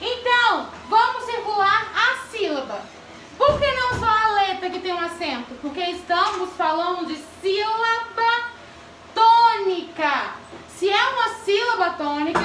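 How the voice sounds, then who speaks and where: High, bright-voiced woman teaching a class. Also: slight background noise. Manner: addresses pupils by name, asks the class questions. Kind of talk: classroom grammar lesson. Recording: echoey classroom from far off.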